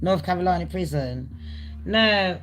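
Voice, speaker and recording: A woman's voice: fairly low pitch, expressive, measured pace, soft background music. A woman hosting a live celebrity gossip stream, casual, blunt and sweary, talking straight to her viewers. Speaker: gossip channel host.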